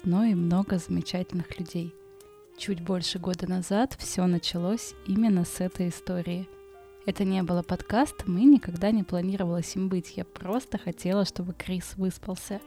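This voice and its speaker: A woman's voice: on the low side, warm tone. A woman podcast host with a burred, impeded r, telling a story informally for bedtime listening in a chatty, colloquial way, with asides. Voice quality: non-rolled, burred r sound (speech impediment). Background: background music.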